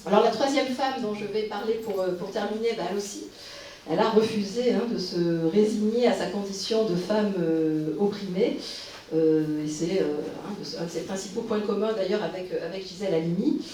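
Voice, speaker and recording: In a roomy conference hall, recorded from a distance, a woman gives a public lecture with a mid-range, warm voice, talking a little fast. She sounds hesitant, full of fillers and restarts, and there's a little hiss or hum on the recording.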